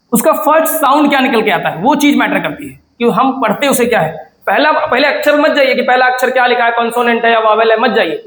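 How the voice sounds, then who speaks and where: A man teaching an English grammar lesson, asking questions and answering them himself, and repeating words slowly to model pronunciation. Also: very high-pitched, a bit bright, roomy sound, rough recording. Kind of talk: classroom lesson.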